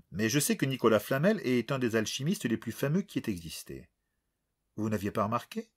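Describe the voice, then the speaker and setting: A man voicing a young amateur sleuth who explains his reasoning with quick confidence. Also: medium pitch, slightly rough.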